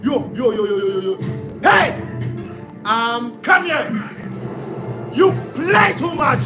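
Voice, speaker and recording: A man commentates his own gameplay with a very high voice, hyped and shouting as he repeats the same phrases again and again. He drags his words out slowly. The room is echoey, with loud game music and crowd sounds behind him. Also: big pitch swings. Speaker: let's play host.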